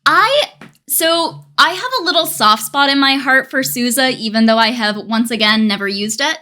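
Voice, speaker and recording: A woman's voice: sits high, moderate pace, sharp tone. A young adult woman chatting casually on a live stream, rambling with dry, self-mocking humor and frequent laughs.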